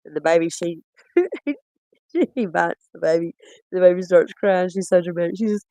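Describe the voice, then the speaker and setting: A man chatting casually while reviewing footage, rambling and quick to laugh. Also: high voice, a little mellow, no room sound. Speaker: cryptid-hunting streamer.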